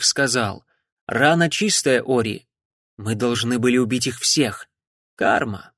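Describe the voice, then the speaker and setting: A man reading an audiobook in a measured, dramatic way. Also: fairly high pitch, no echo, clean studio sound. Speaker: audiobook narrator. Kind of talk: audiobook narration.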